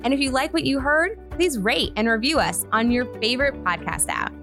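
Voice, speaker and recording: Woman, podcast co-host, higher voice, bubbly, casual chat. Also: lively intonation, fairly quick, creaky, fairly bright tone, faint music behind. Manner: bubbly, laughs often.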